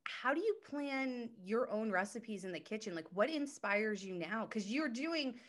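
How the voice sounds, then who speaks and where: A woman hosting an interview show, gushing and enthusiastic, talking in quick bursts full of "like". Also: fairly high pitch, animated. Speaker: podcast host. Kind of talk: casual interview.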